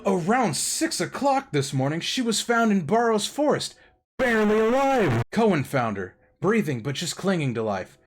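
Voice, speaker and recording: A man's voice: sits high, very animated, normal speed, pitched above the performer's own voice. A man voicing a middle-aged small-town sheriff, with a cop voice that drifts southern. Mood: urgent.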